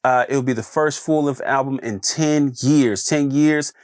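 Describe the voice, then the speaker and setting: A man's voice: medium pitch, unhurried, no echo. A man talks through his views in a loose, chatty podcast monologue. He circles back on phrases and keeps checking in with the listener. The sound is dry and close, with no room around it. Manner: conversational, repeats phrases, frequent "you know what I'm saying". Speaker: podcast host. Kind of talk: casual solo commentary.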